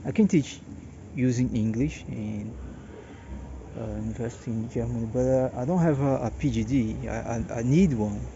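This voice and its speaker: A tired Brazilian vlogger in his late thirties speaks slowly to camera in a personal monologue, his Portuguese accent clear as he hesitates, halts, and keeps restarting and repeating words. His mid-range voice is creaky with a dark tone. The audio is dull and lo-fi, with background noise.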